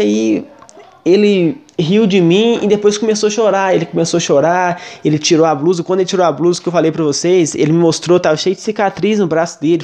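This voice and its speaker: Brazilian guy telling his own faith story, talks quick and earnest, says né a lot. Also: high-pitched. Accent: Brazilian Portuguese. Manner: earnest, animated, often adds "né". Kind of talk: personal testimony.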